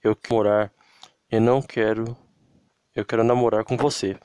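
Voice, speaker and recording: A man's voice: lowish voice, little pitch movement, normal speed, a little mellow, clean tone, no echo, lightly acted. A pleading, heartbroken young woman in a homemade story, read by a Brazilian man. The sound is dry and close.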